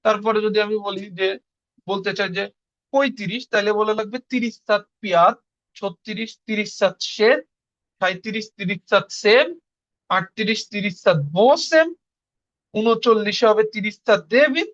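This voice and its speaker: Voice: medium pitch, normal speed, fairly bright tone, no room sound, muffled recording. A teacher giving an online language class, patiently repeating each word and drilling the learners to say it back.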